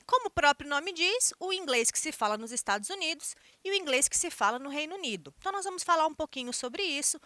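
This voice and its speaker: Lively high-pitched Brazilian woman teaching. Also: no room sound. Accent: Brazilian Portuguese. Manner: explanatory, checks in with listeners often. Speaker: English teacher. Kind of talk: recorded online class lecture.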